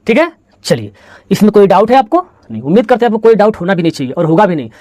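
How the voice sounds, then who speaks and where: A man's voice: sits high, sing-song, racing, darkish tone, no room sound. A male teacher giving a board lesson, asking questions and answering them himself, with playful storytelling. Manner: call-and-response questioning, playful storytelling about letters. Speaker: Hindi teacher.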